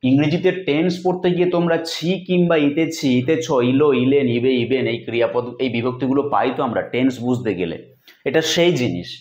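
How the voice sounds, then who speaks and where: A man's voice: mid-range voice, quick pace, a little mellow. A male Bengali grammar teacher explaining rules step by step, repeating key points in a classroom lesson. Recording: echoey room sound.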